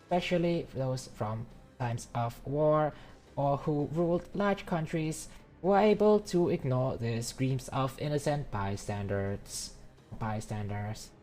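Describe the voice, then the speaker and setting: A woman's voice: extremely low pitch, dark tone, soft background music. A woman reading a stern orating commander. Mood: solemn resolve. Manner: formal, measured oratory. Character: stern, eloquent heroic commander giving a rousing speech.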